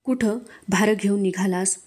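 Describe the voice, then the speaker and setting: A woman voicing a rough, suspicious male fort guard who speaks in blunt rustic village dialect. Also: medium pitch, measured pace, darkish tone, natural voice. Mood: commanding.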